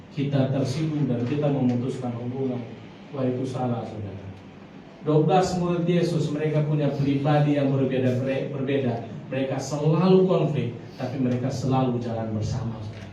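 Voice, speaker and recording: A man's voice: medium pitch, moderate pace, mellow. A man preaching a sermon, speaking emphatically and often turning to address the congregation as brothers and sisters. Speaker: pastor. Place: large church hall. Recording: very echoey hall, mic far off, faint noise.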